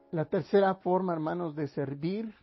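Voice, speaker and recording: A pastor from Mexico preaching a sermon in a church, slow and emphatic, often calling listeners brothers. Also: male voice, high-pitched, breathy edge, dull audio, soft background music.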